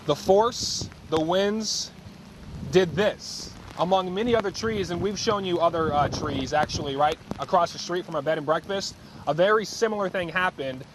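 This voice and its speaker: Standing in heavy rain on a city street, a man delivers an improvised live storm report, shouting emphatically above the wind and downpour. His voice sits high and his speed is normal.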